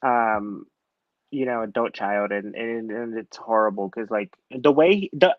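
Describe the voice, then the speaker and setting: A man's voice: lowish voice, unhurried, no echo, lo-fi sound. A man co-hosting a casual reality-TV review, rambling with many restarts and fillers. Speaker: podcast co-host.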